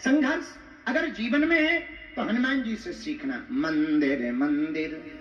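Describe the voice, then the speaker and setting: A man's voice: extremely high pitch, very animated, measured pace, fairly bright tone. A man preacher delivering a spiritual discourse with rhyming lines and humorous stories, in a rhythmic, theatrical manner. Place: large live gathering. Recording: echoey, distant, dull live sound with faint music.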